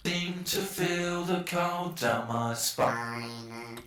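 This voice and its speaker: A singer's sung vocal line, formant-shifted in pitch-editing software so the voice sounds chipmunk-like or orc-like. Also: very slow. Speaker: singer in a sample vocal being edited.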